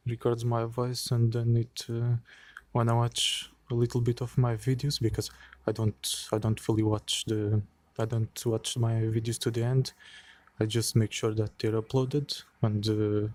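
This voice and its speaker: Outdoors late at night, a vlogger holds his phone and speaks into it for an unedited vlog, cold and a little shaky. His medium-pitched voice is flat, quiet, and hesitant, full of pauses and fillers.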